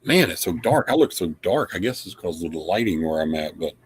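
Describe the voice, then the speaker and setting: A man's voice: low-pitched, big pitch swings, a little fast, a little hiss or hum. A man hosting a casual live stream recap of a paranormal investigation, rambling with lots of fillers. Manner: rambling, filler-heavy, friendly.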